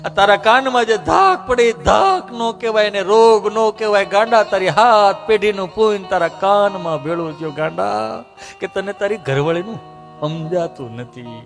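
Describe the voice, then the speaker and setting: A man's voice: sits high, lively intonation, moderate pace, soft background music. A man playing a sympathetic older doctor who consoles a patient, with affectionate scolding. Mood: tender.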